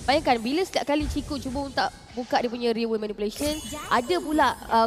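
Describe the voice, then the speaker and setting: A man with a Malaysian accent calling a video game match as an excited, urgent fighting game announcer. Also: very high-pitched, noisy background. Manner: excited, urgent, shouted calls building through the action. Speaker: esports play-by-play commentator. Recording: broadcast with loud music behind. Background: music.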